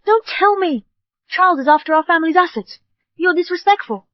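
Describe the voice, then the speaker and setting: High, pleading young bride. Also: female voice, animated, brisk, dry recording. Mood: upset. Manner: pleading, upset. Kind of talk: English drama dub. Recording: dull dry studio dub.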